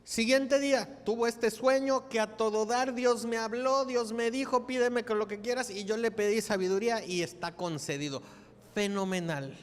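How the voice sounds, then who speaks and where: A man preaching a lively, joking sermon, often asking the congregation questions. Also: sits high, moderate pace, smooth, big-room sound. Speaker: pastor. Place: church.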